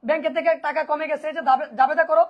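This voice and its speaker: A woman's voice: high voice, fairly even intonation, very fast, dull audio. A woman teaching an online accounting class, asking and answering her own questions and repeating key points, often checking whether students follow.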